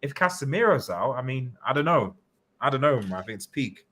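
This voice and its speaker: A man's voice: medium pitch, big pitch swings, fairly quick, pushed and bright, breathy edge. A man talking as a football pundit in casual post-match analysis, hesitant and circling back over his points.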